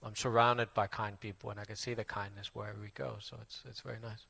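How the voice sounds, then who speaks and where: A man in his forties from Finland with a Finnish accent, a Buddhist monk casually introducing himself in halting English full of fillers and restarts. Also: on the low side, flat delivery, creaky, pushed and bright, slightly rough. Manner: halting, many fillers and restarts, plain friendly telling. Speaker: Buddhist monk giving a talk. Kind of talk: casual spoken self-introduction.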